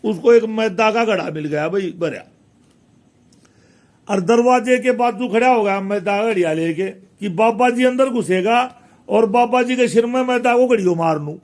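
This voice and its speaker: A man's voice: sits high, moderate pace, darkish tone. A man telling a village folk tale casually, rambling and repeating phrases. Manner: rambling, repeats phrases, voices characters in dialect. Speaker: village storyteller.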